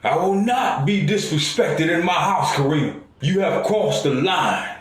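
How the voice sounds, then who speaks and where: A man's voice: lowish voice, lively intonation, a little slow. A man voicing a furious old grandfather. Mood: yelling. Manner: harsh, yelling, threatening. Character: hostile, hot-tempered grandfather, older man. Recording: roomy echo.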